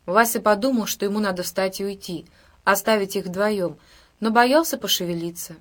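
A woman reading a story aloud in an even, measured narration. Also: medium pitch. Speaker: audiobook narrator. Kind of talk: scripted narration.

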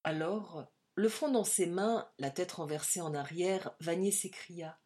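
Lady reading an old story out loud, lowish voice, calm and expressive. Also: unhurried. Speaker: audiobook reader. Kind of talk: literary audiobook narration.

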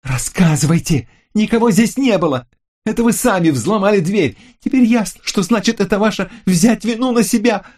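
A man voicing a frantic young woman who screams furious accusations in a shrill voice. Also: expressive, moderate pace, a little mellow.

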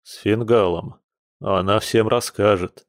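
A man doing a hungover werebear man, low and sorry for himself, who groans and moans through each line like he's dying. the voice sits low and the recording is dry and close. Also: fairly even intonation, a little slow, no room sound. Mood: groaning. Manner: groaning, mournful. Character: hungover male bear werewolf, gloomy and self-pitying.

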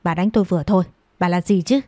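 A woman's voice: lowish voice, steady tone, quick pace, warm tone, no room sound, close to an everyday voice. A woman playing a hurt, defiant young woman. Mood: hurt defiance. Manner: choked, pleading and defiant.

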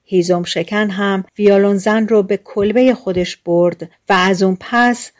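A woman reading a fairy tale aloud as an audiobook narrator, in a gentle, measured storytelling manner. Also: medium pitch, fairly even intonation.

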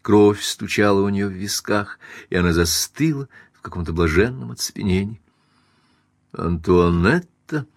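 A man reading a classic novel aloud as audiobook narrator, even and measured. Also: fairly low pitch, no room sound, studio quality. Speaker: audiobook reader.

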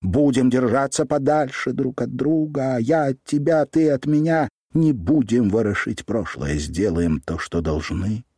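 A man's voice: medium pitch, measured pace, few pauses, no room sound, clean studio sound, close to an everyday voice. A man voicing an anguished heartbroken young woman. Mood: quiet resigned. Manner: shouting in anguish, pleading. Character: heartbroken young woman, fierce then fragile. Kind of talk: audiobook reading.

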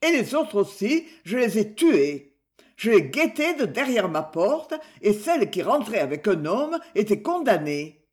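A reader voicing an elderly woman who calmly confesses to her killings in an audiobook crime story. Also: mid-range voice, a little slow. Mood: cold. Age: older. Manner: cold, matter-of-fact confession.

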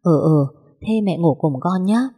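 Storybook mother, soft and worried, read by a woman, low warm tone. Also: lively intonation, measured pace, breathy edge. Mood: gentle. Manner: gentle, fussing. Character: caring mother, gentle and worried.

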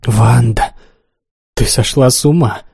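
A jealous young lover, impassioned and pleading, as a male narrator voices him. His voice is dark and mellow with a dry, close sound. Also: medium pitch, slow pace, gravelly, breathy edge, no room sound, heavily acted. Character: desperate jealous young man, pleading and raging.

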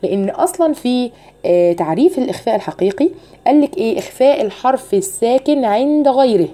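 Egyptian woman, recitation teacher, dark mellow tone, quizzes listeners, models words slowly. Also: on the high side, expressive. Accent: Egyptian Arabic. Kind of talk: tajweed lesson.

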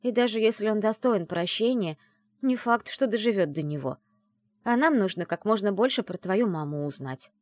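A woman narrating an audiobook voices the heroine's best friend, a brash, teasing young woman who talks loudly, mockingly and bossily. The mid-range voice is animated at a moderate pace, pitched above the performer's own and lightly acted, with clean studio sound and no room sound.

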